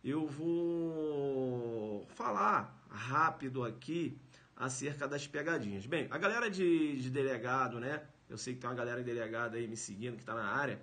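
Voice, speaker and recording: A man with a mid-range, slightly bright voice speaks at a moderate pace in an animated way. He's a law teacher with a Brazilian Portuguese accent giving a live-streamed lecture, emphatically repeating phrases and tacking on tag questions.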